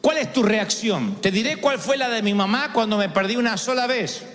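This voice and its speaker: High-voiced Argentine pastor in a reverberant hall. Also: male voice, animated, normal speed, fairly bright tone. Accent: Argentine Spanish. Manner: dramatic storytelling, acts out quoted voices. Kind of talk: sermon.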